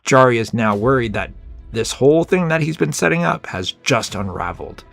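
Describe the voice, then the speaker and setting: A man's voice: medium pitch, lively intonation, moderate pace, creaky, a bit bright, soft background music. A man narrating a solo tabletop role-playing game in a casual, rambling storytelling manner.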